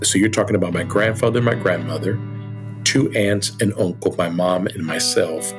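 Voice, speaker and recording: A middle-aged man from Cuba, a company president, telling his family's immigrant story in an earnest, grateful way. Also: low-pitched. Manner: earnest, grateful, repeats words when starting a thought. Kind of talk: reflective storytelling interview. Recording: music bed underneath.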